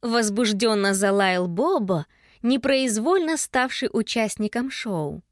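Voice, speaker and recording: A woman narrating a children's storybook aloud in an expressive, lively storytelling manner. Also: mid-range voice, slow pace, no room sound, clean studio sound. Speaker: audiobook narrator.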